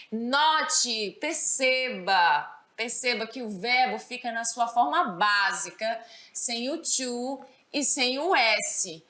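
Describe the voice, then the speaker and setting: A Brazilian woman teaching English grammar, her voice high and bright. She explains patiently and keeps checking that the class follows along. The sound carries a roomy echo. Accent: Brazilian Portuguese. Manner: explanatory, checks understanding with "certo?". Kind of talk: recorded school lesson.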